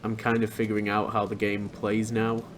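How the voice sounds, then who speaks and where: Casting: male gamer, lowish voice, casual thinking-aloud commentary, faint background noise. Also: completely flat delivery, moderate pace. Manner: informal, thinking aloud, swearing. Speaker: gamer, let's play host.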